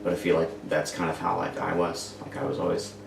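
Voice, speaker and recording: Podcast guest, man in his twenties, deep rough voice, slow halting storytelling, room echo. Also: monotone, music in the background. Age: 20s. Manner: halting, searching for words. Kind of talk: personal storytelling. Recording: echoey room, far from mic.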